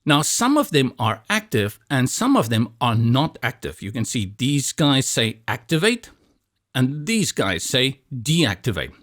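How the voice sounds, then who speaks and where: Calm and a little slow, a medium-pitched South African instructor guides viewers through software one step at a time on a screen recording. Afrikaans is his first language, his accent is South African, and he keeps things light with occasional humor.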